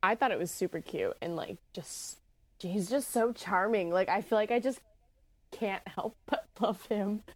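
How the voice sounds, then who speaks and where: A woman's voice: medium pitch, expressive, measured pace, dry recording. A young woman co-hosting a podcast, chatting casually and agreeably with frequent giggles. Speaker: podcast co-host. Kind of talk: casual chat.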